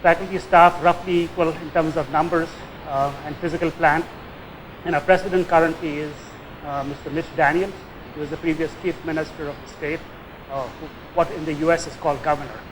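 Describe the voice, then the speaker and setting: A man's voice: a little high, fairly even intonation, brisk, slight background noise, rough recording. An older man from India with a Tamil accent gives an informal lecture, conversationally tagging his phrases with "eh?" or "yeah?". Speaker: guest lecturer, nuclear engineering professor.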